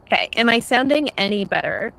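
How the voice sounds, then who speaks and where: Blunt, lively woman co-streamer. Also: on the high side, a little fast, creaky. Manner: brief blunt replies, swears freely. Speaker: streaming co-host. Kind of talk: casual live-stream chat.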